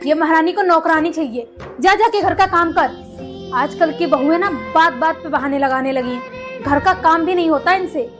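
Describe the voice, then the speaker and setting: A woman's voice: very high voice, normal speed, fairly bright tone, faint music behind. An actress playing a harsh, scornful mother-in-law who scolds her daughter-in-law in a short family drama skit.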